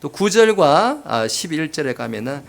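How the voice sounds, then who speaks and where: A man preaching a sermon as pastor, animated and acting out the voices he quotes. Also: fairly high pitch, normal speed, vocal fry.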